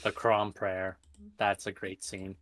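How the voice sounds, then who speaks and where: A man's voice: low voice, completely flat delivery, slow, a bit bright, dry recording, studio quality. A man on a casual voice chat who talks in an opinionated, emphatic way. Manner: opinionated, emphatic movie fan. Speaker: streamer.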